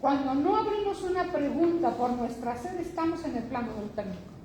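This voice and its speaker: A woman's voice: high voice, animated, normal speed, a little mellow. An older woman giving an academic lecture, emphatic, asking rhetorical questions and repeating phrases for effect. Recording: noisy echoey room.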